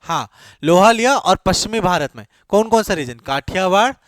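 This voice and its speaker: A man's voice: high voice, animated, normal speed, fairly bright tone, no room sound, studio quality. A man giving an exam-prep coaching lecture in a classroom. He keeps quizzing his students with repeated questions, answers them himself, and mixes English phrases into his talk. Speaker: coaching teacher.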